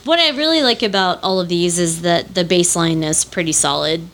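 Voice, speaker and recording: A woman hosting a podcast in casual, animated chat, laughing often and playfully arguing her point. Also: on the low side, normal speed. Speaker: podcast host.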